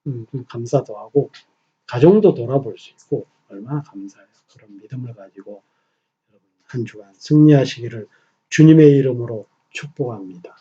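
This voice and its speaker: Animated male pastor, loud then hushed. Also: medium pitch, a little fast, breathy edge, highs cut off. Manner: animated, swings between loud emphasis and soft near-whispers. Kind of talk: Sunday sermon. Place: small church.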